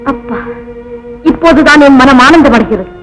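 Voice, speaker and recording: A woman voicing a proud, vengeful woman with a very high voice who delivers cold, declamatory scorn. It sounds like the soundtrack of an old film, with music swelling behind her. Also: moderate pace, natural voice, poor audio. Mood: gloating. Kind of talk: 1950s film dialogue.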